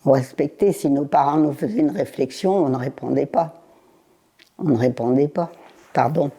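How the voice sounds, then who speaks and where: A woman in her nineties, recalling her childhood in an interview, speaking haltingly with pauses and repeated words. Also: deep voice, mellow, husky. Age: 90s.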